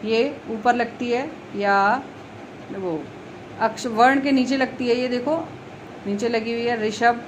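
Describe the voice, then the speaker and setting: Slow, patient woman teaching children. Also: on the high side, fairly even intonation, slight background noise, low-quality recording. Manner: slow, patient, repeats letters and example words. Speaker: primary school teacher. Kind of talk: explaining Hindi grammar to young children.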